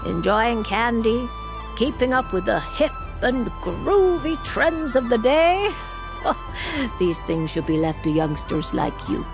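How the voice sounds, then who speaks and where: A genteel, playful elder woman from a video game. She speaks slowly and formally in quaint phrases, with a creaky edge to her voice. Music plays behind her. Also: on the high side, sing-song, low-quality recording. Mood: kindly, amused. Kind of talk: video game character acting.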